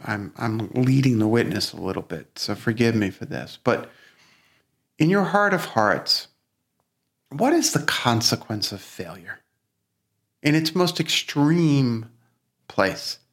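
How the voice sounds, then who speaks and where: A man with a Brooklyn accent hosting a reflective coaching conversation, speaking deliberately, probing and repeating words for emphasis. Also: medium pitch. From Brooklyn, New York. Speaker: podcast host and coach.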